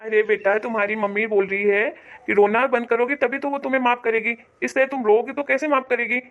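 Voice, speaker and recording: Woman voicing a deep kindly old father-in-law. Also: steady tone, brisk, lightly acted. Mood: soothing. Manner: soothing, fatherly. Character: kindly elderly father-in-law, gentle and indulgent. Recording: tinny phone-like sound.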